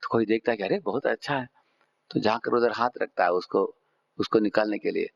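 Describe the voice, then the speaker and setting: A man's voice: on the low side, brisk, vocal fry. A man giving a devotional lecture and telling a story, often checking in with the audience. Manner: checks in with the audience, asking "hmm?" and "right?". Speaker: devotional speaker. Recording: slightly dull lecture recording.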